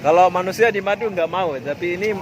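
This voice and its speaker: A man's voice: high-pitched, fast talker. A man talking in a casual, chatty way as he hosts a walking market vlog, often addressing people like mates. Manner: chatty and informal, often addressing listeners and vendors as boss or brother. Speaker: vlogger, host. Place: busy outdoor night market. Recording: very noisy outdoor street ambience. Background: loud vehicle and street noise.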